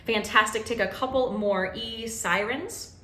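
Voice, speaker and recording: A woman vocal coach leading a warm-up lesson, encouraging and checking in with "okay?" as she goes. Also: a little high, measured pace. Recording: roomy echo with faint ambient noise.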